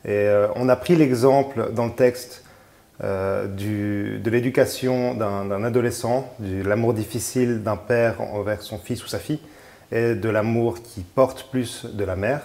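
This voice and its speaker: A man in his thirties talks through his musical path as a radio guest. His voice is warm and mellow, and he hesitates often, piling up fillers and restarting his sentences. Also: fairly low pitch, steady tone, unhurried, gravelly. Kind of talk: casual radio interview.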